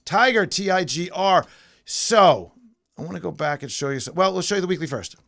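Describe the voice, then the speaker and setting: A man's voice: high-pitched, expressive, fairly quick, vocal fry, a bit bright. A man hosting a pre-market stock show, casually talking through charts and thinking aloud with fillers and restarts.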